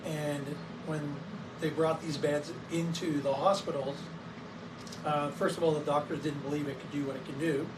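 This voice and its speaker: At a moderate pace, a slightly high, hoarse voice walks through a wellness clinic's equipment in a casual educational piece to camera; the speaker owns the clinic and is getting over a cold. He stumbles on many fillers and coughs between sentences. The distant mic leaves clear background noise.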